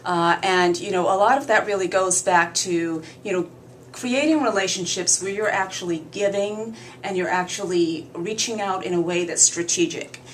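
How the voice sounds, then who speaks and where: A woman from Barbados, a guest author in a radio interview, speaking earnestly and in measured phrases with frequent fillers. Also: lowish voice, a little hiss or hum, poor audio.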